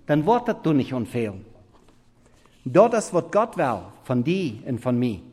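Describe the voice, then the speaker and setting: A man preaching a sermon in halting, non-standard German, swinging between loud emphatic scripture reading and quiet murmured asides. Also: mid-range voice, big pitch swings, husky. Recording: long reverb of a big hall.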